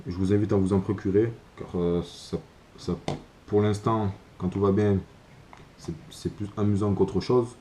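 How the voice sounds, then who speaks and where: A man giving an informal explainer vlog about gear, speaking in a halting, hesitant way. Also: lowish voice, steady tone, warm tone, slight background noise. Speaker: video creator presenting survival gear.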